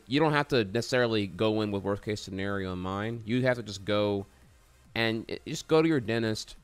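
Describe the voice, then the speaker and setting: A man with a sore, stiff jaw after wisdom tooth surgery, chatting casually and frankly in a rambling, halting way with some swearing. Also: lowish voice, clean tone. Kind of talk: casual unscripted chat to an audience.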